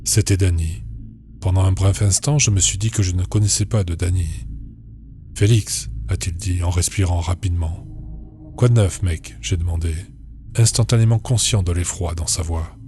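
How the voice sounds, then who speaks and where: A man narrates a horror story in a deep, low voice. His tone is dark and mellow, and his delivery stays steady and measured throughout. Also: faint music behind.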